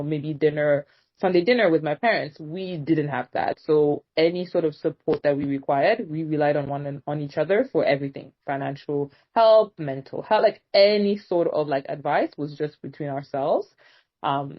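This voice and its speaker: A young Congolese woman speaking as an interview guest in relaxed casual conversation, often filling pauses with "um" and "you know". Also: sits low. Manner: relaxed and chatty, with frequent fillers like "um" and "you know". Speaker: guest, nonprofit co-founder. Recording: dull lo-fi remote recording.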